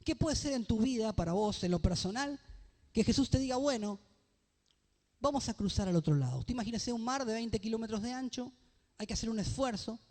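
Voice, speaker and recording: A pastor delivers a sermon in a high voice, his phrases climbing in emphasis as he calls out questions to the congregation. The sound hangs in the long reverb of a church hall. He reads scripture slowly and deliberately. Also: expressive, darkish tone. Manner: preaching, with rising emphatic phrases and call-and-response questions.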